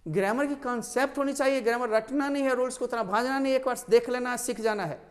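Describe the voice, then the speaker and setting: A man teaching an English grammar lesson to a class, explaining slowly and repeating words with stress. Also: very high-pitched, big-room sound.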